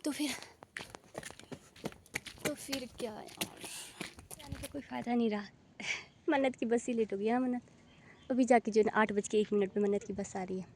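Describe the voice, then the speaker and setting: Young mom vlogger, high voice, chatty and coaxing, faint hiss behind. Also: female voice, moderate pace, pauses often, darkish tone. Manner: chatty, coaxing and scolding her small children. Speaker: vlogger and mother. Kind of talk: casual family vlog chat.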